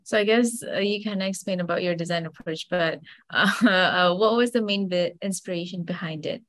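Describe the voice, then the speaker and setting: A woman's voice: lowish voice, normal speed, a bit bright, no room sound. Polite woman interviewer, dry sound. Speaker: interviewer, host. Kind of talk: interview, scripted introduction.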